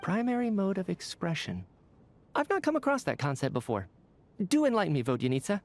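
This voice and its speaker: A wry, urbane gentleman in a video game. He talks quickly in a fairly high, lively voice with a mocking edge. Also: full character voice.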